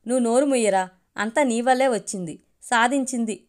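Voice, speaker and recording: A woman's voice: on the high side, a little fast, lightly acted. A woman voicing a worried middle-aged mother who scolds her grown children in a storybook reading. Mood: scolding.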